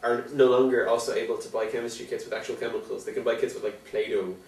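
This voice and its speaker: Male co-host, irreverent deadpan humour; roomy room, distant mic. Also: medium pitch, fast talker. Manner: irreverent, laughing, deadpan dark jokes. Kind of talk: joking tech news chat.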